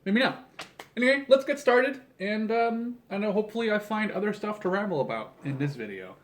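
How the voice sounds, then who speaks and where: A high-pitched, brisk voice with lively intonation belongs to a young Canadian man in his early twenties who makes videos of himself building a toy model. Sitting at a table indoors in a small room at home, he talks informally in a rambling vlog style full of jokey self-interruptions, filmed by a tripod-mounted camera a metre or two away.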